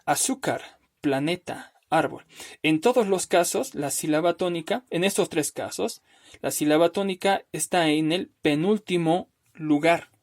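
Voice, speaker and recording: A man teaching a recorded spelling lesson over slides, patient and step by step, often checking in with "¿no?" and slowly drawing out words to show where the stress falls. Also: fairly high pitch. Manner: patient, explains step by step with frequent "¿no?".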